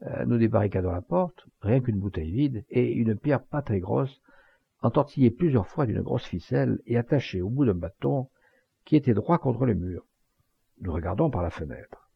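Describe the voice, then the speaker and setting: A man's voice: mid-range voice, vocal fry, breathy edge, dry recording. A man voicing a proud, jealous young gendarme, in an aggrieved, stiff way, in a slightly muffled home recording.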